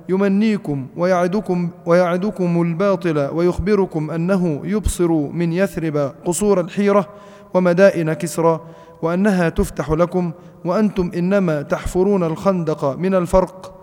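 A man's voice: high-pitched, steady tone, normal speed, a little mellow. Man reading aloud in an echoing hall. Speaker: reader of the text in class. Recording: long reverb of a hall.

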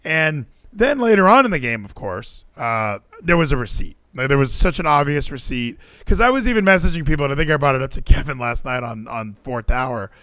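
A man's voice: mid-range voice, big pitch swings, fairly quick, hardly any pauses, fairly bright tone, dry recording. A man co-hosting a podcast, chatting casually and animatedly about a football game, with a lot of fillers and swearing. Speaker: podcast co-host. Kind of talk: casual sports chat.

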